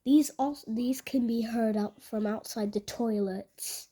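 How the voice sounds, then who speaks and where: A woman giving casual vlog commentary in a halting, repetitive way, often restating her phrases. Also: on the high side, flat delivery, dark tone, breathy edge. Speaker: video narrator.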